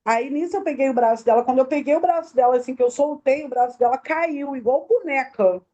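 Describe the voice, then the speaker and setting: Woman, soft mellow voice. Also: high-pitched, a little fast, highs cut off. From Brazil. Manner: tells the story in detail, acting out quoted dialogue. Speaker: interview guest, bereaved mother. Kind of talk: emotional personal testimony.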